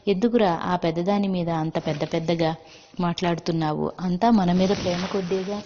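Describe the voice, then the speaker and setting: A woman voicing a calm, reasoning older man, speaking in a placating way in a storybook reading. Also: on the low side, brisk, slight background noise, natural voice. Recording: dull lo-fi with long reverb.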